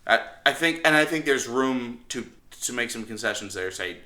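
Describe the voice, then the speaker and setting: A man's voice: mid-range voice, expressive, moderate pace, bright, forceful tone. A man hosting a casual movie review, rambling and often doubling back on his phrases. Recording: echoey room.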